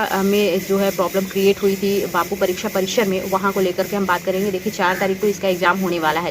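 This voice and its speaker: A woman's voice: medium pitch, background noise. A woman talking straight to her viewers with earnest, pleading commentary, full of fillers and restarts. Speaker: YouTube commentator on exams. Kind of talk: direct-to-camera commentary.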